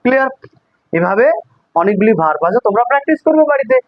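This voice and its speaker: A man's voice: very high-pitched, sing-song, quick pace, no room sound, muffled recording. A man teaching an English grammar class, repeating each example sentence in two languages and asking students if they follow. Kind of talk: classroom lesson, drilling sentences aloud.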